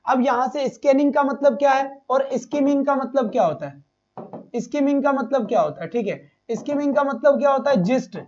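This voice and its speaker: A man teaches a live online exam-prep class, firing quick questions at his students, repeating each point and calling them "beta". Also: very high-pitched, muffled recording.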